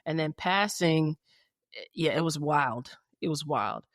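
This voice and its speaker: A woman's voice: low voice, expressive, unhurried, no room sound, studio quality. Rambling woman podcast host. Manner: rambling, many restarts and "you know what I'm saying". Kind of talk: casual interview chat.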